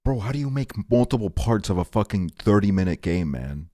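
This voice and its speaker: A man's voice: fairly low pitch, sing-song, brisk, warm tone. A laid-back young man streaming, reacting casually with a slangy drawl.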